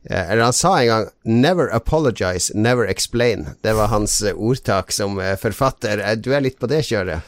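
A man's voice: fairly low pitch, lively intonation, hardly any pauses, no echo. A man hosting a casual podcast, joking and inquisitive in the way he talks. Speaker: podcast host. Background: music.

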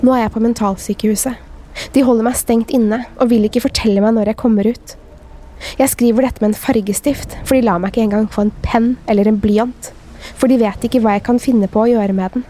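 A woman hosting a podcast, reading scary stories in a measured, steady way and chatting casually afterward. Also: on the high side, a little hiss or hum. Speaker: podcast host. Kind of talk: scripted horror story narration.

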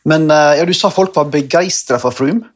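A man co-hosting a cycling podcast, speaking in a relaxed, thoughtful and slightly wry way. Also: fairly high pitch. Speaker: podcast co-host. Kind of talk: casual cycling podcast chat.

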